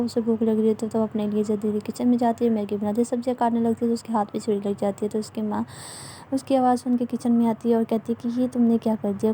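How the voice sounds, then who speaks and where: A woman storyteller narrating a family moral tale in a plain, even way. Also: a little high, slight background noise.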